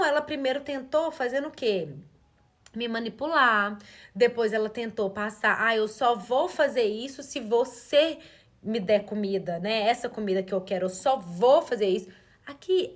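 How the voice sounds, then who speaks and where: A woman's voice: sits high, a bit bright. Earnest Mineira woman coaching parents. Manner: earnest, coaching, asks the audience rhetorical questions. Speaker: parenting educator. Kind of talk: live-stream parenting talk.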